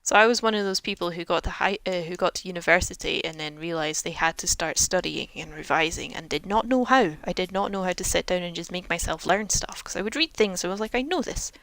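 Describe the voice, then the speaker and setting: Talking fast with hardly any pauses, this young woman in her twenties gives chatty, self-mocking commentary over her gameplay as a streamer. Her voice is lowish with a fairly bright tone, and the recording is dry.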